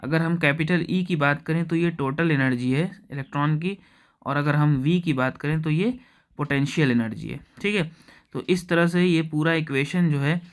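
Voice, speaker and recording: A man with an Indian accent teaching a chemistry class. He explains step by step, keeps checking in with his students, and slows down to dictate equations. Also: a little high. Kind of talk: classroom lecture.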